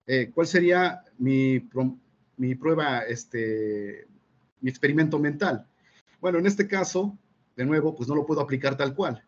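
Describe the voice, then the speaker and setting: A man, a physics teacher presenting at a seminar, measured and full of fillers and checking questions. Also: medium pitch, lo-fi sound. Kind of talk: explanatory academic presentation.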